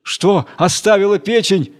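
A man's voice: high-pitched, a little slow, voice pushed up. A silly, gossipy jellyfish from a storybook tale, chattering and teasing, as a male narrator puts her on. Her voice rises a little above his usual tone. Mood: alarmed. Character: foolish chatty female jellyfish, boastful.

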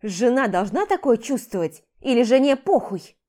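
Woman voicing a jealous possessive husband, forceful and clipped, mellow tone, audiobook. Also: fairly high pitch, very animated, moderate pace. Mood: angry. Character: intense possessive jealous husband, adult man. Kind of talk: audiobook reading.

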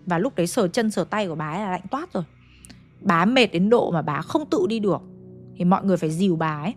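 A woman's voice: lowish voice, expressive, fast, soft background music. A woman telling a ghost story in a casual, conversational way, lingering on eerie details.

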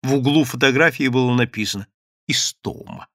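A man narrating a classic novel as an audiobook reader, lively and expressive. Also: mid-range voice, moderate pace, no room sound, studio quality.

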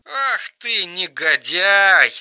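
Erratic mocking young man, as a male narrator puts him on, bright high voice, swooping intonation. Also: smooth, exaggerated voice. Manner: shrill, teasing, quick swings to flat calm. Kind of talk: audiobook reading.

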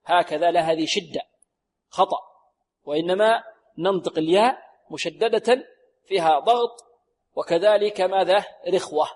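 Man, high voice, husky, quran recitation teacher, drawn-out demo words, long echo. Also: a little mellow. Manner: slow drawn-out demonstration of sounds, repeats words; brisk explanations between examples. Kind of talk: tajweed lesson on radio. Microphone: recorded for radio.

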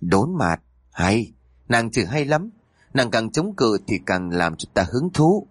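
A man voicing a lecherous, scheming male official with a low, smug, leering drawl in a spoken story. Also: very animated, measured pace, husky, no room sound, studio quality.

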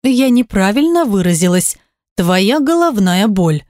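Sonya, a woman doing a brisk little blonde in charge. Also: mid-range voice, big pitch swings, a little mellow, no room sound, studio quality. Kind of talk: audiobook character reading.

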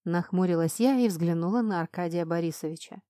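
A woman reading a first-person fantasy story aloud, shifting her pitch and loudness to voice the characters. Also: brisk, dry recording, clean studio sound. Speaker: audiobook narrator. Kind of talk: first-person audiobook narration.

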